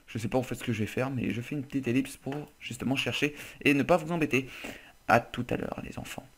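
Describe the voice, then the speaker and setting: A man's voice: mid-range voice, fast. A man hosting casual game commentary, chatty and loose, joking and swearing casually. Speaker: gaming channel host.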